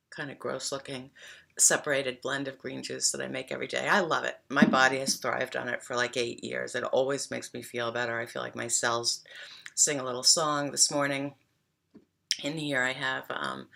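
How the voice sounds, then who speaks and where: Middle-aged lady rambling about what she eats, bright gravelly voice, lots of ums. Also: very deep voice. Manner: rambling, chatty, many fillers. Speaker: wellness coach vlogger. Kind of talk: casual chat to camera.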